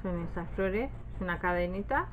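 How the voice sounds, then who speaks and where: Animated and moderately paced, a lowish-voiced woman with a Spanish accent from Spain talks to the camera about her craft purchases. Her chat rambles, with frequent trailing off and self-corrections, and there's a little hiss or hum in the recording.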